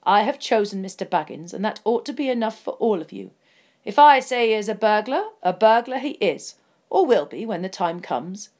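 A woman's voice: mid-range voice, lively intonation, moderate pace, a little mellow, lightly acted. A stern old wizard, put on by a woman reading aloud, commanding and emphatic. He presses each point home with weight. It is a storybook read-aloud.

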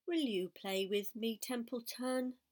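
A lonely little male pig, put on by a woman reading aloud begs for company in an earnest, high voice. He is a young storybook animal, wide-eyed and pleading. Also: slow, darkish tone.

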